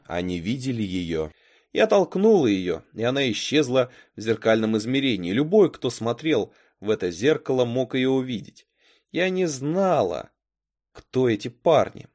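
A man narrating a storybook chapter with expressive, dramatic delivery. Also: mid-range voice. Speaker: story reader.

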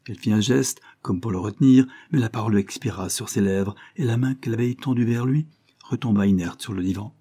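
A man narrating a classic novel as an audiobook in a steady, measured reading. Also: lowish voice, breathy edge.

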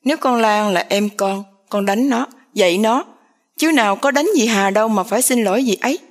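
A woman's voice: medium pitch, brisk, close to an everyday voice. A woman voicing a proud young teacher who talks back sharply. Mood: defiant. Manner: defiant, sharp-tongued.

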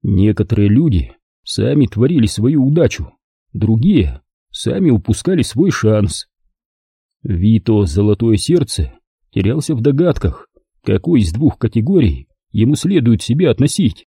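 A man narrating a thriller audiobook in an expressive storytelling manner. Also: lowish voice, moderate pace, creaky, slightly rough, no echo, clean studio sound. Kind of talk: scripted narration.

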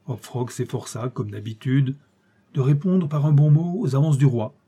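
A man reading a classic story aloud as an audiobook narrator, steady and expressive. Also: medium pitch, moderate pace, breathy edge.

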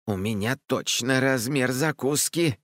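A man's voice: mid-range voice, a little slow, a bit bright, no echo, clean studio sound, voice pushed up, lightly acted. Feisty girl voiced by a man, grumbling, muttering. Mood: grumpy. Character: grumpy feisty little girl.

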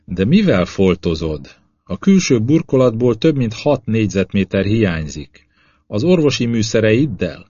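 A man's voice: lowish voice, very animated, mellow. Man reading as a sarcastic spaceship commander. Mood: sour. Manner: sarcastic, sour. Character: skeptical male spaceship commander. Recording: slightly dull lo-fi audio.

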